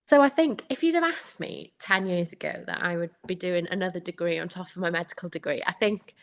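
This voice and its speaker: This young woman talks fairly quickly in a lowish voice as she answers interview questions, chatty and laughing often between points. A guest and anaesthetics trainee, she has a Welsh accent, and Welsh is her first language.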